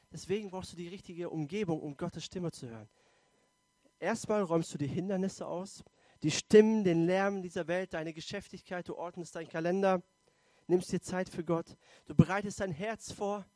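A man's voice: a little high, darkish tone, no echo. A man preaching a sermon in an earnest way, asking rhetorical questions and repeating phrases for emphasis. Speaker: pastor. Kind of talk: sermon with altar call and prayer.

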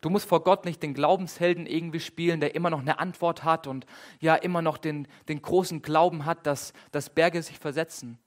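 Casual, lively German man preaching. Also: a little high, brisk. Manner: lively, casual preaching with dramatic retellings and repetition. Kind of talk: sermon.

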